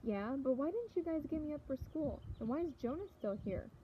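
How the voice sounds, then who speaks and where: A woman's voice: high-pitched, expressive, fairly quick, pitched above the performer's own voice. Anxious seventh grade girl, earnest and pleading, storybook reading by a woman, muffled noisy audio.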